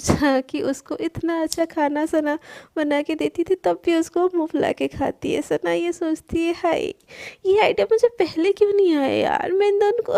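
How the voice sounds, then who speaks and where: A woman's voice: high voice, vocal fry, a little mellow, no room sound, clean studio sound. A woman storyteller narrating a romance serial in a chatty way, talking straight to her listeners. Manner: chatty, addresses listeners directly. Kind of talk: casual spoken storytelling.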